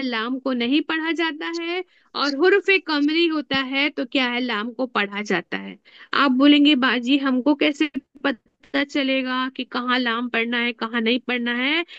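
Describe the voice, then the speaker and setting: A woman teaching an Arabic grammar class, often asking her students questions and repeating key words slowly. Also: high-pitched, a bit bright, no room sound, highs cut off. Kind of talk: classroom lesson explaining rules with questions to students.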